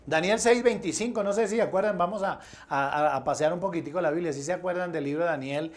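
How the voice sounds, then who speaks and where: A man preaches with energy, pressing his listeners with rhetorical questions. His voice sits a little high for a man. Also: fast. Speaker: pastor. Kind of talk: sermon.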